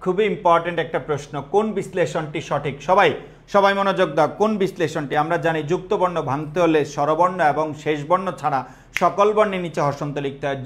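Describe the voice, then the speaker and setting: A young man teaches an online exam-prep class. His voice sits fairly high for a man. He repeats key terms and keeps putting questions to his students.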